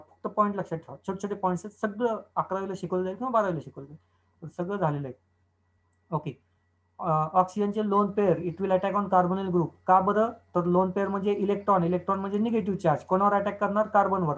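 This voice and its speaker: A man's voice: high voice, low-quality recording. A man lecturing on chemistry, explaining step by step and answering his own questions. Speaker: chemistry teacher. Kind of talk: classroom lecture.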